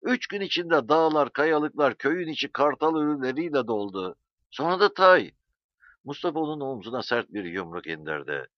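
A man narrating an audiobook with a dramatic, expressive reading, with a dull, lo-fi sound. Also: medium pitch, moderate pace, dry recording.

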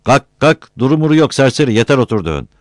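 A man's voice: extremely low pitch, quick pace, no echo, clean studio sound. A man voicing a bossy, angry village coffeehouse man who barks orders. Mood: bossy yelling. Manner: barking orders, yelling.

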